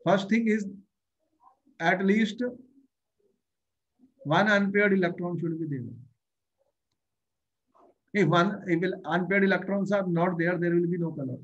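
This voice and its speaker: High-pitched North Indian man teaching online. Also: breathy edge. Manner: repetitive, questioning, often addressing the learner. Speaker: chemistry teacher. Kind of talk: online tutoring lesson. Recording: dull, muffled online-class audio.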